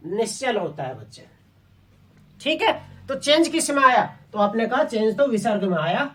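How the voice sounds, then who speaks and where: A woman's voice: a little high, distant mic. A woman teaching a Hindi grammar class online. She asks the class questions and answers them herself, often calling her listeners children.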